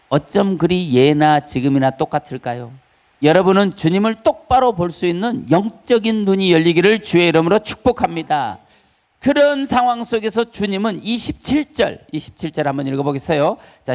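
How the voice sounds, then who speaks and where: Animated emphatic male preacher. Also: normal speed. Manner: emphatic preaching, rising high on key words; explains words, asks the congregation questions. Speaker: pastor. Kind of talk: Sunday sermon. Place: church sanctuary.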